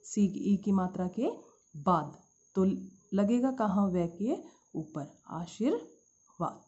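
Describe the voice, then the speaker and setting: Woman teacher, mellow voice, patient classroom explaining to kids, muffled lo-fi sound. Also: mid-range voice, lively intonation, slow pace. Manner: addresses students as "beta", asks and answers own questions. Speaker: Hindi teacher. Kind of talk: spelling lesson for schoolchildren. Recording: dull lo-fi sound.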